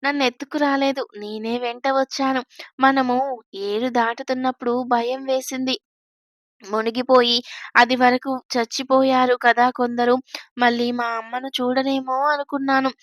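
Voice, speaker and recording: A woman's voice: high voice, flat delivery, moderate pace, no echo, studio quality, close to an everyday voice. A woman voicing a timid, innocent young girl bride who chatters anxiously. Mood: innocent fearful.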